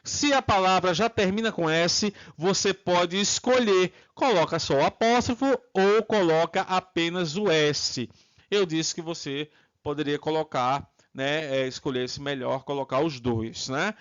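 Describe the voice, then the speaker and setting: Homem com sotaque brasileiro, aula de inglês, gravação abafada de baixa fidelidade, tom didático repetitivo. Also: male voice, fairly high pitch, a bit bright, lo-fi sound. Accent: Brazilian Portuguese. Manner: drills students with repeated prompts and slow model phrases. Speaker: English teacher. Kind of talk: online English lesson.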